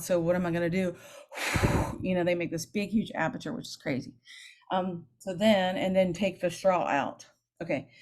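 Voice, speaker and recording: A woman in her fifties, a middle school band director, explaining trumpet technique in a lively, chatty way and demonstrating as she talks. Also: fairly low pitch. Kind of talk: teaching clinic, explaining technique.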